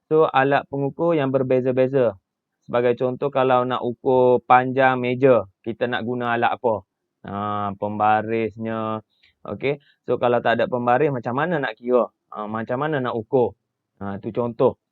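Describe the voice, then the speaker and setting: A man's voice: mid-range voice, fairly even intonation, normal speed, clean tone, no room sound, phone-quality sound. A man with a Malaysian accent, a secondary school science teacher narrating a slide lesson step by step, often saying "ha" and "okay" and asking his class questions. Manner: explains step by step, many "ha" and "okay" fillers, asks the class questions.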